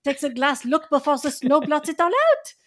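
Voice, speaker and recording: Woman doing a high strained old professor guy, urgent, trips over his words. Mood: excited. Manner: urgent exclamations, halting when excited. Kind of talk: voicing a character in a read-aloud novel.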